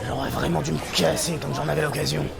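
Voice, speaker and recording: An actor playing a grumbling, blunt, exasperated newcomer in an audio drama. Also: male voice, on the high side, steady tone, fast, creaky. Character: grumbling, foul-mouthed male sceptical newcomer. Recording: noisy crowd behind.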